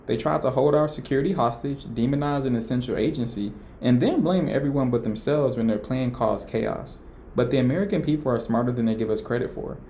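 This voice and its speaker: Reading scripted political commentary fairly quickly, a man uses a darker, mellow tone at a typical pitch, with slight hiss or hum on the recording. His emphatic delivery carries indignation and a note of mockery.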